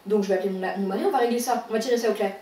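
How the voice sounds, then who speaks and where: A woman's voice: mid-range voice, racing, warm tone, natural voice. A woman playing a bossy bourgeois lady of the house who scolds her maid imperiously. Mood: haughty scolding. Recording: roomy echo, far from the mic.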